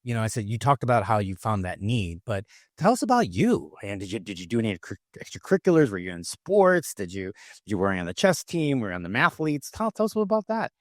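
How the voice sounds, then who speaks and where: A man hosting a podcast interview, asking casual, friendly questions with lively jumps in his voice. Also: lowish voice, quick pace, dry recording, studio quality. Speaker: podcast host.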